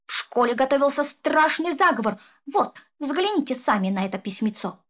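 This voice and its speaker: A woman's voice: high voice, big pitch swings, normal speed, fairly bright tone, pitched above the performer's own voice. A woman voicing a male dwarf servant with a nasal, fawning way of talking in a storybook reading. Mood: excited. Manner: fawning, breathless urgency.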